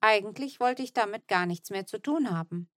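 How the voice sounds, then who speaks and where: A woman reading a children's audiobook in a steady first-person storytelling tone. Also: mid-range voice, normal speed, no echo, studio quality. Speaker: audiobook narrator. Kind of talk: scripted narration.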